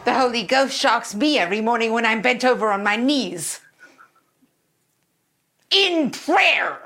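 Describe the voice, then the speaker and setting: A melodramatic, devout mother, acted by a woman, in a dark comedy. Her voice is high and swoops wildly, with music behind it. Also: animated, measured pace, heavily acted. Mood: pious. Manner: melodramatic, pleading outrage. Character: overwrought devout scolding mother, melodramatic and prudish. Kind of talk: dark comedy film acting.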